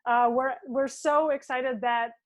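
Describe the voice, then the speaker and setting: A woman's voice: sits high, steady tone, a little slow. A woman hosting a video call, thanking her guest with friendly, brief remarks. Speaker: host. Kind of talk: casual chat over video call.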